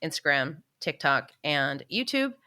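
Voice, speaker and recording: A woman's voice: low-pitched, big pitch swings, unhurried, bright, forceful tone. A woman guest, a spiritual teacher, explaining her workshop in a conversational way.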